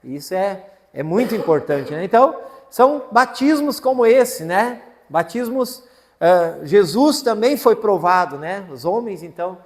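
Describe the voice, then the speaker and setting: A man's voice: high-pitched, very animated, unhurried. A man preaching a sermon as pastor, telling a family story in a folksy way with frequent tag questions. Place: church. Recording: church hall with long reverb. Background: long hall reverb.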